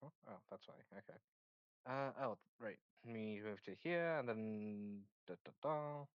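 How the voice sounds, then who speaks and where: Halting game master on a dull line. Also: male voice, fairly low pitch, clean tone, dry recording. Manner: halting, restarts sentences while recapping. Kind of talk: running an online tabletop game.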